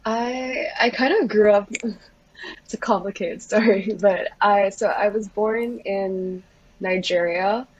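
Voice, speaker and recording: A woman's voice: medium pitch, takes it slowly, rough recording. A young woman from the Philippines, a podcast guest chatting casually with frequent laughs and fillers. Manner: relaxed, laughs often, lots of fillers. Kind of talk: casual interview.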